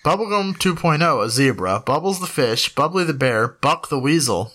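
A man's voice: on the high side, expressive, moderate pace, bright, forceful tone. A man co-hosting a casual podcast, rattling off a long list of names between laughs. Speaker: podcast co-host.

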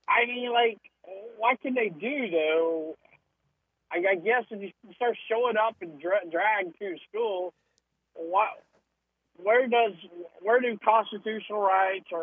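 A man calling into a radio panel over the phone, his voice thin and tinny with no bass, talking loosely with false starts. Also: no room sound. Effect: thin tinny phone line without bass. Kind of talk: casual radio panel chat.

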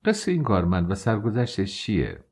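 A man's voice: lowish voice, wildly swooping pitch, a little mellow, husky, exaggerated voice. A man voicing a proud, jealous aristocratic count in an audiobook, speaking stiffly and indignantly. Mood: curious.

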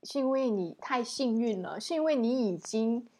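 A woman's voice: a little high, expressive, normal speed, darkish tone. A woman interviewing someone in a casual, conversational and encouraging way.

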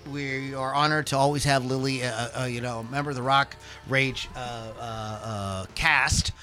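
Here the same sort of host speaks at medium pitch and a moderate pace, his tone steady yet bright and forceful. Music plays behind his informal, rambling podcast chatter, which leans self-deprecating.

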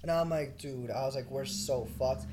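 A young man co-hosting a podcast, telling a wild night story in casual, profane, animated chat with bursts of laughter. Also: medium pitch, normal speed, noisy background. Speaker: podcast co-host.

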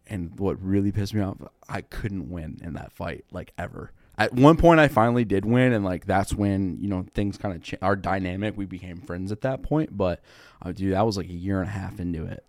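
A laid-back man in his thirties tells stories as a podcast guest, his voice sitting a little low. He talks loosely with plenty of filler words. The sound is dry and close, with no room echo. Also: brisk. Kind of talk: casual storytelling.

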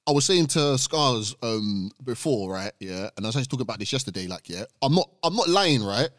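A man's voice: medium pitch, animated, brisk, a bit bright, dry recording. London roadman, emphatic and close-miked. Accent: London, urban roadman slang. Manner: emphatic, repeats phrases for emphasis. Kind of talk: casual group discussion.

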